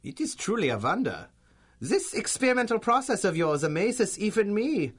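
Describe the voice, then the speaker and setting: In a radio drama style, an actor plays a gloating Nazi professor with a German accent, pompous and mock-courteous. His male voice is high, husky, and sing-song at a normal speed, heavily acted and full of excited marvelling.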